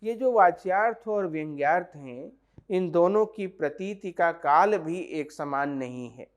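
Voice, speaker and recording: A man lectures in a slow, deliberate way, working through each point with examples. His voice sits a little high for a man. He keeps a steady, methodical teaching tone throughout. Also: clean tone. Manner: slow, measured explanation with examples. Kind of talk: academic lecture on poetics.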